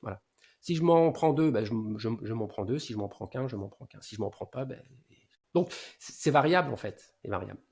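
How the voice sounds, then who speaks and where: A man in his forties, a guest consultant in a casual podcast interview, explaining at length in a low-key advising tone and often letting his sentences fade out. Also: animated, brisk, gravelly, darkish tone.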